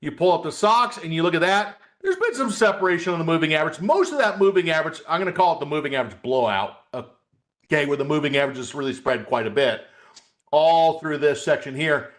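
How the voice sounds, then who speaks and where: A man coaches viewers through market charts on a live trading webcast, speaking fast in a slightly high, expressive voice. His conversational, folksy style addresses viewers directly, and he keeps checking in with a repeated "okay?"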